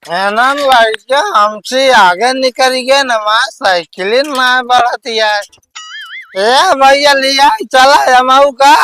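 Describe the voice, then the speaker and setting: A man's voice: very high voice, pushed and bright, slight background noise, full character voice. A man with an Awadhi accent playing a boastful, quarrelsome village drunk in a comedy sketch, slurring and rambling. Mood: grumbling. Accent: Awadhi, eastern Uttar Pradesh.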